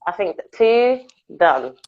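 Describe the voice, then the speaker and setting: A woman's voice: medium pitch, sing-song, takes it slowly, lo-fi sound. A woman, hosting a chatty interview over a video call, laughing often. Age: 30s. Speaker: interview host.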